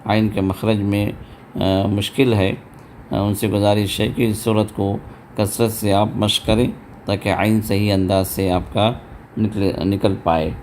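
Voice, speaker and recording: A man teaching a tajweed lesson, patiently explaining step by step and chanting verses slowly and drawn out. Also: lowish voice, little pitch movement, a little mellow, a little hiss or hum. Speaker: Quran recitation teacher. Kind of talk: tajweed lesson with recited examples.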